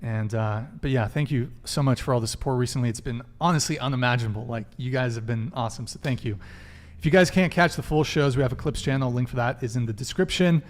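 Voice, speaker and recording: Male podcast host, casual and joking, mid-pitched, quick follow-up questions. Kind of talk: casual live-stream chat.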